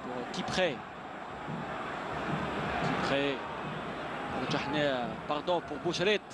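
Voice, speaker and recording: An excited sports commentator, a man with a high-pitched voice, calls a football match live. Loud stadium noise fills the broadcast behind him. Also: slow pace.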